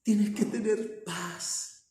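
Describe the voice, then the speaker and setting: A man preaching a sermon in a fairly high voice. He takes his time, with long pauses between phrases. He retells the story with quoted lines and builds to emphatic calls, and the room echoes around him. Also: fairly even intonation, dark tone.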